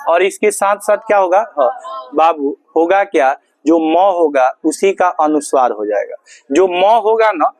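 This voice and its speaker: A man's voice: high-pitched, no room sound. A male teacher with a Bihari Hindi accent, giving a classroom grammar lesson and drilling students with call-and-response questions.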